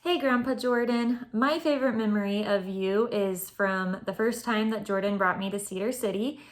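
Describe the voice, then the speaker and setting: A young woman giving a short, warm birthday message to her partner's grandfather. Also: mid-range voice, normal speed.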